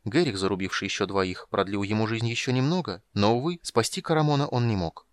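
A man narrating a fantasy audiobook in a brisk, dramatic reading. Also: on the low side, no room sound.

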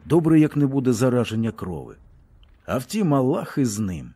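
A man reading a novel aloud as an audiobook, with expressive storytelling. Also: mid-range voice, normal speed, husky. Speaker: audiobook reader. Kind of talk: scripted narration of a novel.

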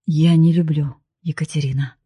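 A despondent young man in a cell turns away from his beloved in an audiobook, read by a woman. His words come out muffled and flat, low and dark. The voice is husky and sits close and dry. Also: normal speed, dry recording. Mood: cold. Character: young male prisoner, despondent, pushing lover away. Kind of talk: audiobook dialogue reading.

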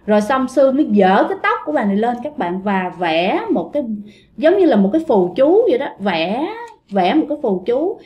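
A woman's voice: fairly high pitch, very animated, brisk, darkish tone. A woman casually telling a ghost story and chatting to her listeners. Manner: chatty, addresses listeners, many fillers.

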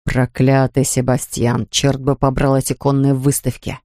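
A woman's voice: very deep voice, steady tone, fast, vocal fry, a little mellow, dry recording, studio quality, voice pushed down. A woman voicing a blunt young male farmer who talks in short, terse lines in an audiobook. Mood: cursing. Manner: curt, terse.

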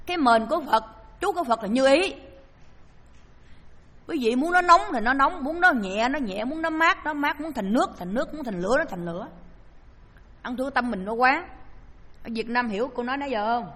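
A woman's voice: sits high, normal speed, long pauses. A woman, a Buddhist dharma teacher giving a storytelling sermon and acting out voices and sounds as she tells it. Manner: lively storyteller who acts out voices and sounds. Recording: long hall reverb.

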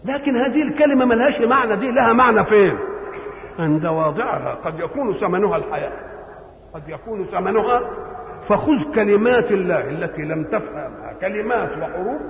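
A man's voice: high voice, expressive, a little fast, creaky, roomy sound, big-room sound, dull audio, slight background noise. A man with an Egyptian Arabic accent gives a Quran commentary lecture, teaching through rhetorical questions and acted-out imagined dialogue. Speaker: religious scholar.

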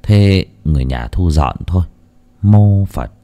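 A calm old monk speaks slowly in a deep, dark voice, as a male storyteller puts him on. He sounds measured and solemn. Told as a spoken ghost story. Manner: slow, measured, solemn chanting tone.

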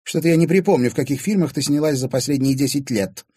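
A man's voice: mid-range voice, fast talker, warm tone, husky, no echo, studio quality, voice pushed up, lightly acted. A man voicing a merciless, sarcastic young woman mocking her stepmother. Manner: sarcastic, cutting.

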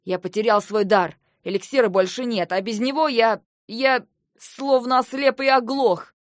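A short-tempered young man, as a woman reads him in an audiobook, shouting reproaches. His voice sits close and dry, with no room around it, and he stays loud and accusing. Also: mid-range voice, normal speed, no echo, natural voice. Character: angry young man, hot-tempered brother.

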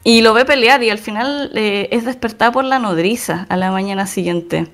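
A young woman with a Chilean accent talks through a film she has watched. Her voice sits in a middle pitch, and her delivery is casual and full of slang. She moves quickly from one scene to the next. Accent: Chilean Spanish. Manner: animated retelling, slangy, quick asides. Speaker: podcast co-host. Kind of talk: casual chat.

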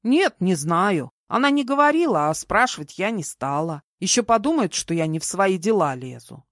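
A woman's voice: medium pitch, very animated, moderate pace, dry recording, studio quality, close to an everyday voice. A woman reading an audiobook voices a kind elderly woman who fusses and chatters, doting and worried. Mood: fussing. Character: kind, fussing elderly woman, a mother-in-law. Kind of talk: audiobook character voice.

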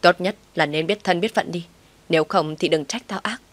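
A woman voicing a jealous young wife who curses and shouts harshly. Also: lowish voice, moderate pace, no echo, close to an everyday voice. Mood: furious.

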